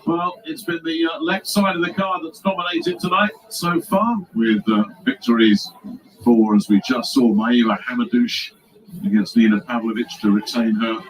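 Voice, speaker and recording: A man's voice: mid-range voice, moderate pace, rough recording. A man with a Birmingham English accent giving chatty, storytelling live boxing commentary.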